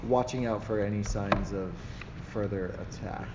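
A man narrating a tabletop game as game master, improvising in a halting way with pauses to think. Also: on the low side, steady tone. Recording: echoey hall, muffled, loud background noise.

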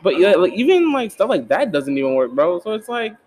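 A man's voice: high-pitched, big pitch swings, a little fast, darkish tone, rough recording. A young man hosting a podcast in laid-back, slangy casual chat, tossing in "bro" often. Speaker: podcast host.

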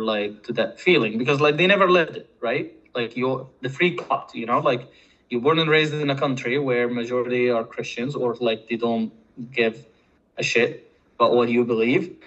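A man with an Egyptian accent talks in a forceful, bright voice at a middle pitch. He is conversational but halting, circling back over his words. The recording is slightly dull and lo-fi. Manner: hesitant, halting delivery with repeated words. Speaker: podcast guest. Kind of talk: casual conversational interview.

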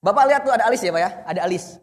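Brief: young male recitation teacher, high voice, patient and corrective, long reverb behind. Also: animated, racing. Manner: patient, corrective, demonstrates then explains. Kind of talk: teaching Quran reading to adults.

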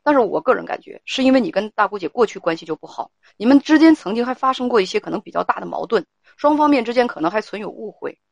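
Brisk, firm woman advice host. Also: fairly high pitch, expressive, gravelly, no room sound. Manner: firm, talks over the caller to steer her. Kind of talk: live call-in advice chat.

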